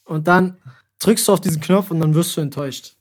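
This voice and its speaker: A man's voice: a little high, brisk. A young man hosting a casual podcast, joking and telling stories with playful exaggeration. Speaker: podcast host.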